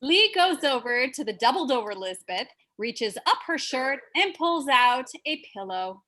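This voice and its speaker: Bright woman narrating stage directions. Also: high voice, sing-song, measured pace, rough recording. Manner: matter-of-fact with wry asides.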